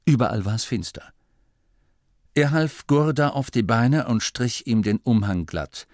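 A man narrating an audiobook in a lively, expressive reading voice. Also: mid-range voice, a little slow, dry recording, clean studio sound.

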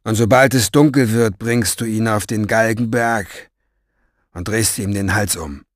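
A man voicing a scheming, vain, gloating male villain in a storybook reading, with a velvety voice and a mocking, drawn-out, theatrical delivery. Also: on the low side, fairly even intonation, no echo, clean studio sound, close to an everyday voice.

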